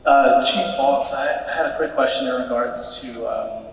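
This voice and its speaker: A man asking a spontaneous question from the audience in a halting, hesitant way. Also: medium pitch, fairly even intonation, vocal fry. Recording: very echoey hall, distant, faint noise.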